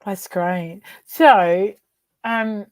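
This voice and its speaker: An expressive woman guest speaking as a coach and author, mid-height voice in a dry, close-miked setting. She talks in a conversational way and brings her stories to life with sudden vocal leaps. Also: extremely slow, no room sound. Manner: animated, acts out dialogue with big pitch leaps. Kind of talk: conversational storytelling interview.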